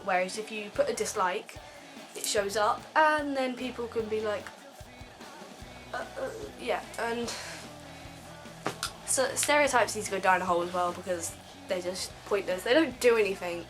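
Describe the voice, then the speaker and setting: A teenage girl vlogs from her bed in a mid-range voice over a rough recording. She rants casually and rambles, filling her speech with frequent ums.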